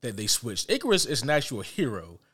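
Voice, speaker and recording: A man's voice: medium pitch, huge pitch swings, fairly quick, fairly bright tone, husky. A man co-hosting a casual podcast chat, blunt and swearing, often restarting his sentences. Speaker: podcast co-host. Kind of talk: casual chat ranking movie villains.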